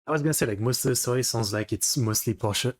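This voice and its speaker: A man with a French accent, whose first language is French, giving casual reaction commentary in a halting way with many fillers and restarts. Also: medium pitch. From France. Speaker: video reactor.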